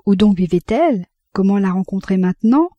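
A woman narrating a literary audiobook in a measured, expressive reading. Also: mid-range voice, no room sound. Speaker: audiobook reader.

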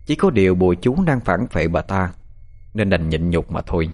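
A man narrating a spooky story in an expressive, dramatic way. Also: low-pitched, moderate pace. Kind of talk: narrated audio horror story.

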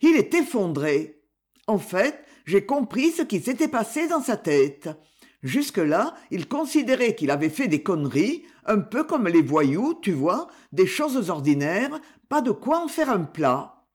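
A man voicing a weary, determined woman in her seventies who asks quiet, insistent questions. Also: sits high, big pitch swings, a little slow, slightly rough, exaggerated voice.

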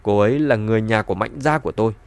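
A stern, quick-to-anger old patriarch in an audiobook, as a male narrator puts him on. He speaks with commanding indignation. The sound is close and dry. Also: on the low side, clean tone, no echo, natural voice. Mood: indignant.

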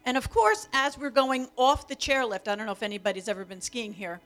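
A middle-aged woman telling a long story about her daughter in a lively, animated way, acting out quotes. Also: fairly quick. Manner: animated, acts out quotes with big pitch jumps. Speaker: co-speaker, mother of the other speaker. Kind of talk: storytelling talk.

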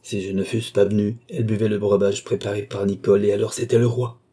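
A man voicing a commanding, mysterious count in an audiobook, giving firm, measured orders. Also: lowish voice, flat delivery, mellow, slightly rough. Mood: imperious.

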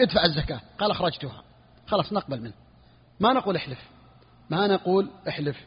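A man teaching a religious jurisprudence lesson, explaining a text and repeating each point for his students. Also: high-pitched. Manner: repeats key phrases, asks students if clear. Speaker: sheikh teaching Hanbali jurisprudence. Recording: lo-fi, long reverb hall.

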